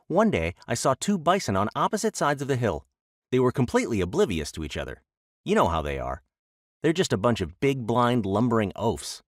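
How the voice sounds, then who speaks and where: A man voicing a boastful, chattering little male trickster rabbit in an animated audiobook tale. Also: medium pitch, brisk, dry recording, studio quality, natural voice. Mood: boastful, chatty. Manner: cocky, jabbering trickster-tale storytelling.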